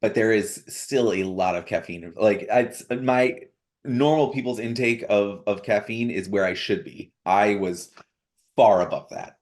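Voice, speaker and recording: A man's voice: lowish voice, measured pace, a little mellow. A man co-hosting a podcast in casual chat, dropping dry joking asides. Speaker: podcast co-host.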